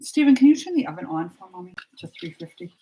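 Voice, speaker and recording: Her voice sits on the low side, mellow yet fast, with big swings in pitch. She's a middle-aged cooking vlogger chatting casually to viewers as she cooks at home. The audio is poor, and dishes and pans clatter in the background.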